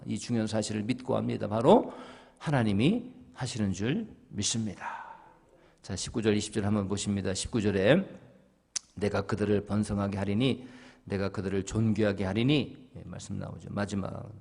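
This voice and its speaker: A middle-aged man, a senior pastor, preaching an early-morning devotional sermon, asking rhetorical questions and answering them himself, his voice swinging between loud and hushed. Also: lowish voice, creaky, breathy edge. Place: church sanctuary. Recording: long church reverb.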